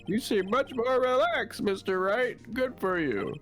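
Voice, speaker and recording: A woman reading the part of a stately old male judge, questioning the court in a deliberate way. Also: a little high, expressive, soft background music. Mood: measured.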